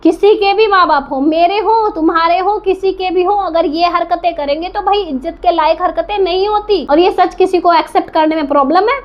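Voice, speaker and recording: A woman's voice: very high-pitched, brisk, hardly any pauses, highs cut off. A woman giving an indignant, scolding commentary to camera, firing rhetorical questions and repeating her points for emphasis. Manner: defiant, repeats herself for emphasis. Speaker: reaction vlogger.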